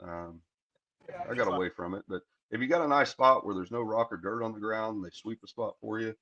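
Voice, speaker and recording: A man's voice: fairly low pitch, brisk, bright, forceful tone, highs cut off. A man giving casual commentary on a live stream, explaining racing technique with plenty of fillers.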